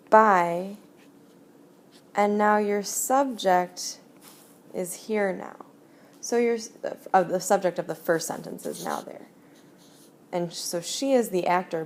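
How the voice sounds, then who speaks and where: A woman teacher explaining grammar in a screencast lesson, slow and deliberate as she writes out examples. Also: lowish voice, a little mellow, slight background noise. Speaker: French teacher.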